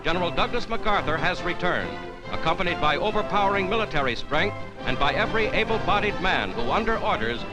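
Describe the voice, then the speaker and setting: Old newsreel guy, big swooping delivery, loud music under him. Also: sits high, animated, fast talker, pauses often, low-quality recording. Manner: emphatic, dramatic declamation. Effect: old newsreel sound. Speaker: newsreel narrator. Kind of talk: 1940s newsreel narration.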